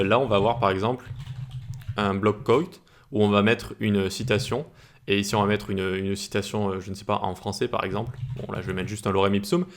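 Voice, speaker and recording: A man teaching web development in a screencast tutorial, informal, with many fillers and restarts. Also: fairly low pitch.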